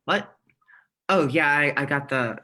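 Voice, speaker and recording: Flustered stammering young man, read by a woman, low pitch, bright tone, live play reading. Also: measured pace. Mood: defensive. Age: young adult. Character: Perry, an anxious indecisive young man.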